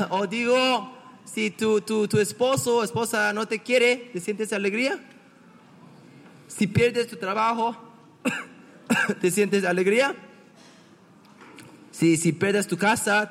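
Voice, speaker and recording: Male preacher, unhurried and chatty, questions the congregation; long hall reverb. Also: sits high, a bit bright. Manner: conversational, asks the congregation questions, many restarts. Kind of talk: bilingual sermon.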